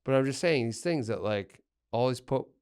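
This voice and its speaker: Brief: male podcast co-host, smooth resonant voice, eager and stumbling. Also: medium pitch, moderate pace. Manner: excitable, stumbling restarts. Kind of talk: casual movie chat.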